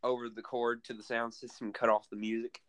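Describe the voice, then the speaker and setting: A man's voice: medium pitch, level tone, quick pace, fairly bright tone, dry recording. A man recapping a wrestling event in casual podcast chat, rambling and full of fillers. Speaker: co-host recapping a wrestling show.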